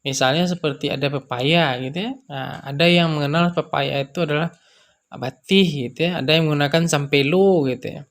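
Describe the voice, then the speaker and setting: A man teaching language terms in an unhurried lecture, repeating example words and pausing with frequent fillers. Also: fairly high pitch, a bit bright. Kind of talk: explanatory lecture.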